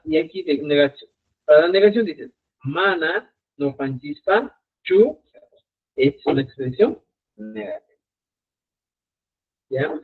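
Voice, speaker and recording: A man teaching a live online Quechua lesson, repeating examples slowly and checking in with his students. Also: fairly high pitch, slightly rough. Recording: tinny phone-like live stream audio.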